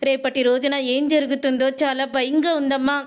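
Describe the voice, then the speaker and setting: A scheming young wife pleads and complains in a plaintive voice, as a woman narrator reads her part. The tone sits high and bright. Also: level tone, moderate pace, natural voice. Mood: pleading.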